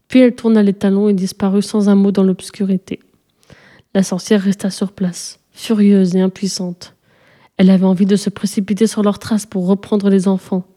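A woman calmly narrating a fairy tale as a storyteller. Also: mid-range voice.

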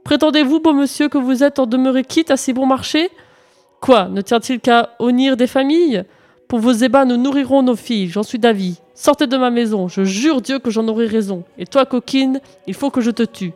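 A furious middle-aged innkeeper, as a woman reader puts him on, hurls loud threats at his guests. The voice sits a little high but stays mellow and soft-edged. It is a spoken verse storybook reading. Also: moderate pace, lightly acted.

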